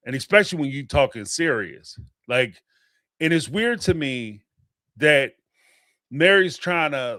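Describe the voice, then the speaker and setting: A man hosting a casual call-in livestream, reading viewer chats aloud and reacting in an emphatic, animated way, cussing freely. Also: mid-range voice, no echo, clean studio sound.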